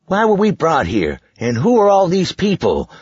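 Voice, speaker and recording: Storybook kid, brave twin boy read by a man, lifted husky voice. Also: on the high side, huge pitch swings, normal speed, a little mellow, no echo, voice pushed up, full character voice. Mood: earnest. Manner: earnest, firm. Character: plucky young twin boy trying to sound grown-up. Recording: dull, muffled recording.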